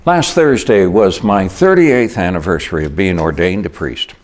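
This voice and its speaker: Older priest preaching with lively pitch. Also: male voice, moderate pace, slight background noise. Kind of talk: sermon.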